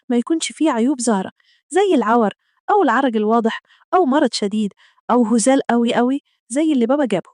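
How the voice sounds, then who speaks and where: A woman's voice: sits high, a little mellow, no room sound, clean studio sound. A woman voicing a middle-aged Egyptian mother who scolds her husband and patiently explains things to her children, with an Egyptian accent. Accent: Egyptian Arabic.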